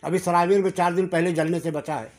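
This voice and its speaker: A man's voice: high voice, steady tone, quick pace. A man working as a reporter, asking pressing, insistent questions at a press conference.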